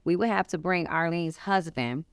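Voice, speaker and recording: Frank and animated, this middle-aged co-founder of a small business talks through a candid conversational interview in a lowish voice at normal speed. She has a Chicago accent, hails from the Chicago area of the United States, and tells stories with emphatic asides, captured in clean studio sound with no room sound.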